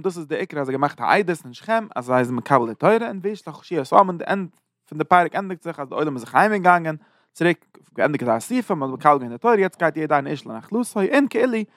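Brief: male teacher, rapid run-on explaining, dry close sound. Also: fairly high pitch, no room sound. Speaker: Torah teacher. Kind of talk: chapter lesson in Yiddish-flavored German.

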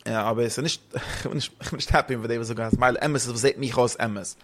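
A man's voice: mid-range voice, fairly even intonation, fairly bright tone. A man explaining a religious text in casual study talk, rambling and slipping between languages. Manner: rambling, fast, mixes German with Hebrew and English terms.

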